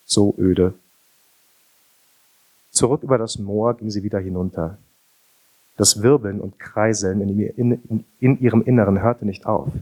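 A male audiobook narrator with a low, somewhat husky voice. He reads calmly and with expression, giving the scripted narration a steady flow. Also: moderate pace.

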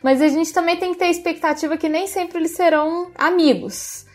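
Here a very high-voiced Brazilian woman talks a little fast as she hosts her pet podcast. Speaking with a Brazilian Portuguese accent, the pet expert breaks down how cats behave in a relaxed, friendly, explanatory way, frequently starting phrases over.

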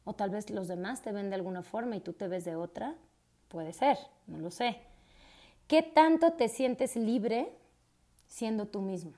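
A woman's voice: medium pitch, dark tone. A middle-aged woman, a coach hosting a reflective solo talk, asking many rhetorical questions. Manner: conversational, asks many rhetorical questions, tag "¿no?". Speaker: podcast host and coach.

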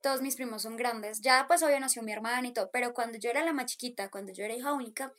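A Colombian woman with a high, bright voice tells childhood stories in a relaxed group chat. She is lively and keeps slipping into voices for the people in her tales. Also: quick pace. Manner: animated, acts out voices in quotes, laughs often. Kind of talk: casual storytelling chat.

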